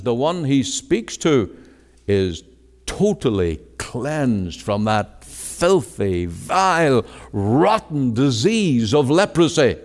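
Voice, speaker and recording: A man preaches an evening gospel sermon at an unhurried, deliberate pace. His pitch swings widely as he climbs to emphatic exclamations and sinks low again. The long reverb of a large church hall trails after every phrase. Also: a little mellow. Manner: emphatic, rising to exclamations then dropping low.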